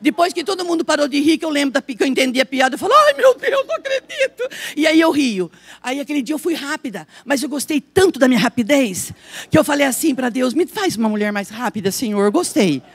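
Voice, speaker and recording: High-voiced Brazilian woman pastor preaching. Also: lively intonation, fast, slightly rough. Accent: Brazilian Portuguese. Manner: humorous storytelling, laughing often. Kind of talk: sermon. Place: church service.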